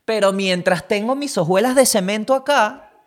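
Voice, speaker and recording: A man's voice: high voice, moderate pace. A young man hosts a comedy podcast, telling stories as a monologue, swearing freely and acting out quotes in jumpy voices. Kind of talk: comic monologue.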